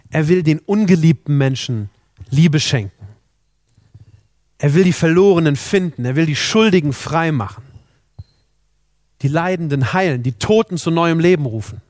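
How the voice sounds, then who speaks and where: A man's voice: a little high, a little mellow, no room sound, studio quality. A man preaching a sermon, earnest, asking the congregation rhetorical questions.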